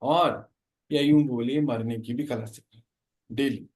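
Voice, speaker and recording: A man's voice: medium pitch, fairly even intonation, measured pace, darkish tone. A man teaching a spiritual class, explaining and often asking his listeners questions.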